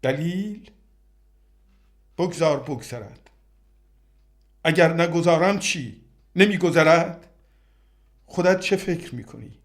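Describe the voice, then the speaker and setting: A man reciting a poetic dialogue with himself, trading short, brooding questions and answers. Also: fairly high pitch.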